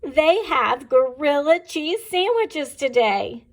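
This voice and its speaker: A woman voicing a cheerful, silly schoolteacher in a picture book, in a bright sing-song teacher voice. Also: sits high, big pitch swings, takes it slowly, pitched above the performer's own voice, exaggerated voice. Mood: cheery.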